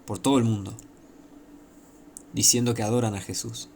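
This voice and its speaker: A man's voice: lowish voice, level tone, normal speed, creaky, a little mellow, slight background noise. A man with an Argentine accent preaching an informal sermon, emphatic and repetitive, with many rhetorical questions. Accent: Argentine Spanish.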